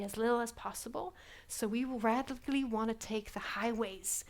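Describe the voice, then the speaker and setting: In a conference hall, a woman with a fairly high voice delivers a live keynote, speaking English as a second language. Her talk is reflective and full of fillers, and she often puts questions to the audience.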